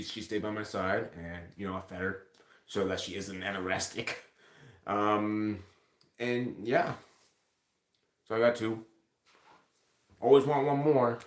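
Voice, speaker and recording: A livestreamer from Ontario, Canada, with a fairly low, slightly bright voice, chats casually, rambling and swearing a lot as he answers comments. The room sound is echoey.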